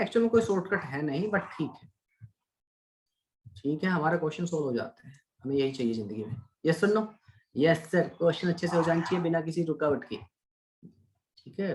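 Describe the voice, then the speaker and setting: A man teaching an online maths class, chatty and coaxing, asking questions and answering them himself for his students. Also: on the high side. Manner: coaxing, calls students "beta".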